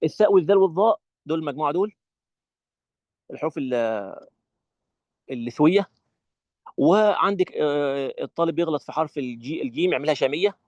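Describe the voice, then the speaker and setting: A man with an Egyptian Arabic accent teaching Quran recitation rules in an online training session, animated and demonstrative. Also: fairly high pitch, a little fast, pauses often, no echo, dull audio. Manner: animated, demonstrative, acts out his classroom.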